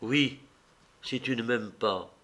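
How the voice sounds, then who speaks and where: A man's voice: medium pitch, a bit bright. A man reading a novel aloud and voicing a desperate, self-doubting young fiancé who halts and stumbles over his words. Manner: desperate, halting, with hesitations. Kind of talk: audiobook character voice.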